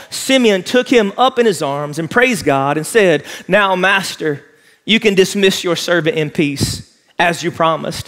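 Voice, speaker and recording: This man has a high, fairly bright voice. Walking across the stage of a large church auditorium, he preaches an emphatic sermon with real fervor as the pastor.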